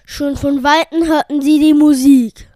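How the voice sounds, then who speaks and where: High-voiced woman narrating a children's story. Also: fairly even intonation, measured pace, noisy background.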